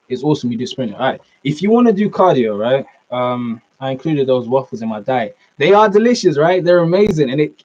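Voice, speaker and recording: A young fitness streamer with a British accent, born in Norway and brought up in the UK, speaks in a mid-range, slightly mellow voice. He handles viewer comments in an easygoing way, calling people man and bro, over a laptop mic with somewhat dull lo-fi audio.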